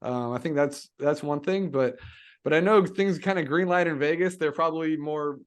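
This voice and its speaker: A man's voice: a little high, moderate pace, clear, resonant tone. A man co-hosting a podcast, sounding skeptical in casual chat. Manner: skeptical, laughs easily. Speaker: podcast co-host.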